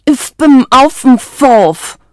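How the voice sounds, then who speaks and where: A woman reading a storybook aloud, voicing a gentle young female stork with a slow, soft, plaintive manner. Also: fairly low pitch, no echo, studio quality. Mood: eager.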